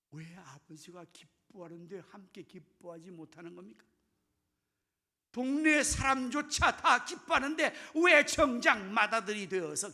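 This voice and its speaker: A man preaching a sermon as pastor, dramatic, swinging between loud bursts and whispers and asking the congregation questions. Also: high voice, creaky, big-room sound.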